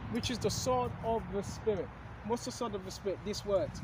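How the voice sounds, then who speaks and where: A religious video host with a high-pitched, brisk voice delivers a rambling, casual sermon to his viewers over very heavy noise. He has hiccups, so they break in now and then, and he leans on rhetorical questions and a repeated "right?" throughout this easygoing preaching monologue.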